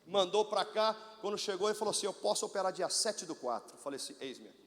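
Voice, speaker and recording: A man's voice: high voice, quick pace. A man from Brazil, a pastor telling a testimony in a sermon, animatedly acting out the voices of doctors and his mother. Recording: long hall reverb.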